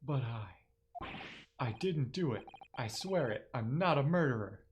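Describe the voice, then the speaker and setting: A man's voice: mid-range voice, animated, unhurried, noisy background, pitched below the performer's own voice, natural voice. A man doing an earnest, flustered young defendant. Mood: anxious. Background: game music.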